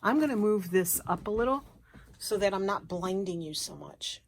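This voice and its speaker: A woman gives an easygoing hands-on tutorial on bookbinding, chatting, narrating to herself as she works and making apologetic asides. She sounds expressive at a medium pitch and moderate pace, with slight background noise on the nearby phone camera.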